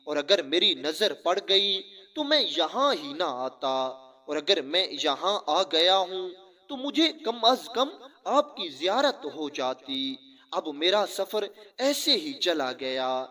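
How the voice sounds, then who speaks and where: A man's voice: on the high side, very animated, pushed and bright. A man voicing an aged male scripture scholar who speaks in an earnest, pleading, lamenting way in a spoken religious story.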